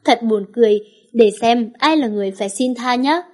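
A woman's voice: a little high, normal speed, close to an everyday voice. A woman reading the lines of a scheming, mocking old male villain in a storybook. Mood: taunting. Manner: taunting, cold.

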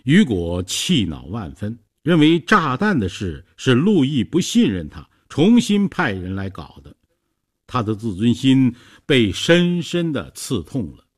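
Husky-voiced male storytelling narrator. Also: mid-range voice, wildly swooping pitch, a little slow.

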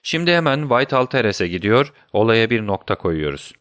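A man's voice: on the low side, big pitch swings, fairly quick, a bit bright, no room sound, studio quality. A man voicing a firm, commanding detective. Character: brilliant calm adult male detective. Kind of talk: audiobook character reading.

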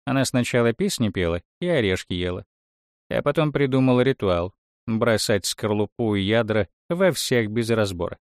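A man voicing a know-it-all talking cat who explains problems in a smooth, lecturing way. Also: lowish voice, animated, moderate pace, no room sound, studio quality. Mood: explaining.

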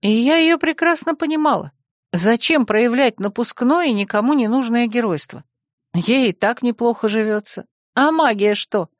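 A woman narrating a fantasy audiobook in first person, with a wry, lively storytelling manner. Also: fairly high pitch, dry recording, clean studio sound.

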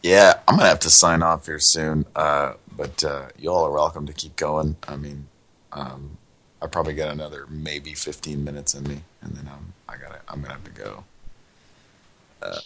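A male host with a very low voice and a gravelly fry, leaning back and rambling through a live call-in show. He drifts in and out with fillers and small laughs, never hurried. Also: fairly even intonation, fairly bright tone. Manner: laid-back, chuckling, trails off with fillers. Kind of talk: casual live prank-call show chat.

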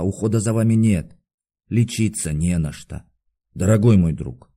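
Man doing a soft, fawning old postmaster. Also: deep voice. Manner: soft, coaxing, half-whispered. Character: older male postmaster, tender, fawning, soft-spoken. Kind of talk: audiobook character reading.

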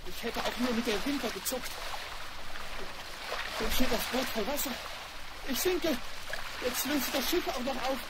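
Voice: mid-range voice, close to an everyday voice. An actor voicing a brave, stiff little tin soldier in a 1970s radio play, talking to himself with stoic resignation. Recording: loud hiss from an old vinyl record.

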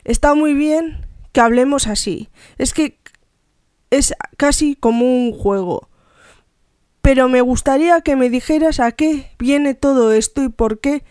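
A woman's voice: high-pitched, a little slow, darkish tone, clear, resonant tone, dry recording, studio quality. A woman reading the lines of a defiant, cheeky teenage boy who mocks a policeman with feigned innocence.

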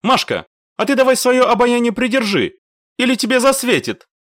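No-nonsense lady commander, high and firm, a guy voicing her. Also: sing-song, moderate pace, dry recording, studio quality. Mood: bossy. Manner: bossy, no-nonsense. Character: brisk commanding woman squad leader.

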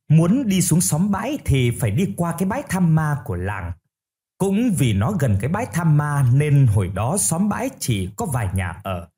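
A man narrating a first-person ghost story in a steady storytelling manner. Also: medium pitch.

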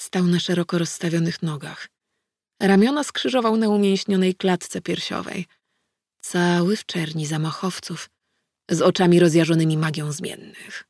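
A woman's voice: on the low side, normal speed, darkish tone, dry recording, studio quality. A woman narrating a first-person audiobook in a tense, clipped way, with hard-edged dialogue.

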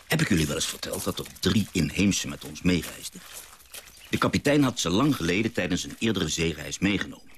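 Deep voice, father-naturalist, radio drama, animated telling, low hiss. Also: brisk. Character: gentle father, a naturalist recalling his sea voyage.

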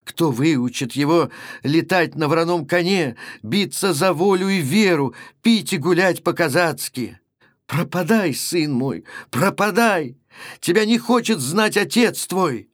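A man's voice: a little high, expressive, a little slow, no room sound, clean studio sound. A man voicing a grieving young wife who pleads with passion in a storybook reading. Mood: pleading. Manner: impassioned, pleading.

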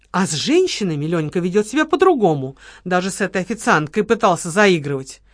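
A narrator reading a detective novel aloud in a steady, measured way. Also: mid-range voice, dry recording, studio quality. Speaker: audiobook narrator.

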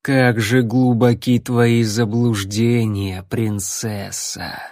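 Unhurried, sneering necromancer, as a male reader puts him on; drawn-out sarcasm, dry close sound. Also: mid-range voice, little pitch movement, a little mellow, dry recording. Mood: mocking. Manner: slow, measured, mocking. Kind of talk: audiobook character voice.

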